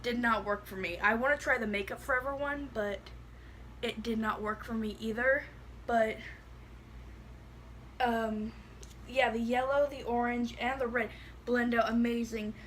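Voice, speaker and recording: A woman's voice: a little high, steady tone, a little slow, long pauses, a bit bright, a little hiss or hum. A woman with a lisp that makes her s sound slushy, chatting casually and bluntly through a product review, rambling with lots of "like". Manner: blunt, rambling, heavy use of "like".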